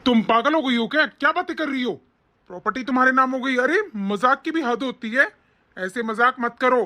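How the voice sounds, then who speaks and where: A voice actor playing an indignant young husband and son in an animated family story. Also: high-pitched, brisk. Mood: disbelieving. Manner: stern, indignant.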